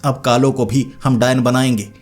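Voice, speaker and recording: A man's voice: mid-range voice, steady tone, moderate pace, darkish tone, soft background music, lightly acted. A man voicing a stern, proud old female witch leader who scolds and commands.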